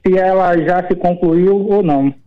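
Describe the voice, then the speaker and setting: A man's voice: high-pitched, moderate pace, clear, resonant tone. A man from Recife, calling in over the phone and earnestly asking a pastor a question step by step. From Recife, Pernambuco, Brazil. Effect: heard over the phone line. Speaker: caller. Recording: tinny phone line with faint music.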